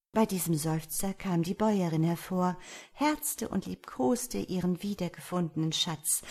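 A woman reads a fairy tale aloud in a calm, measured way. Her voice is somewhat low and has a husky, breathy grain. The storytelling is steady and unhurried. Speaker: narrator. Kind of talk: storybook reading.

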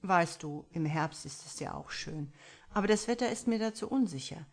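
A woman's voice: lowish voice, animated, moderate pace, gravelly, slightly rough, full character voice. A woman reading an audiobook, voicing a playful man who teases his fiancée. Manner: playful, teasing. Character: teasing joking man, a bridegroom-to-be.

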